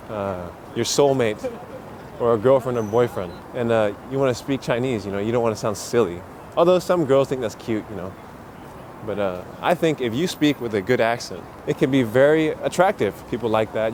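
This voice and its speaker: An English teacher walks along busy city streets and explains things in a casual vlog, his talk full of "uh" and "you know." His voice is mid-range and a little mellow, with faint street and traffic noise behind him.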